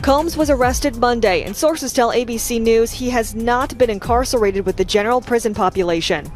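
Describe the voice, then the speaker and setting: A woman's voice: a little high, a little fast, a little mellow, faint music behind. A woman reading a scripted report as a television news reporter.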